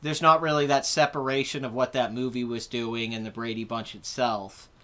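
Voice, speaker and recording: A man's voice: medium pitch, steady tone, moderate pace, bright, forceful tone. A man in his twenties hosting a casual live chat about movies, rambling and correcting himself as he answers viewer comments. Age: 20s. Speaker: host.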